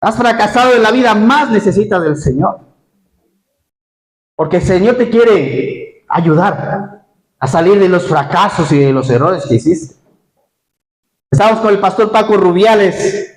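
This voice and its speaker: Echoey, higher-voiced preaching pastor. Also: male voice, a little slow, pauses often. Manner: lively preaching, addresses congregation directly with questions. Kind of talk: sermon. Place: church hall; Spain. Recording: echoey church hall.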